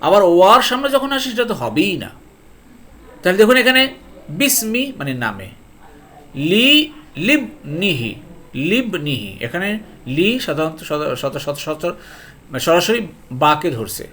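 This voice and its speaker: A man teaching Arabic grammar for reading the Quran. He teaches lively, stresses his words, keeps asking whether it is clear, and slows down to read verses out. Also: a little high. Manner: speaks slowly when reading out verses. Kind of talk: lesson on a video channel.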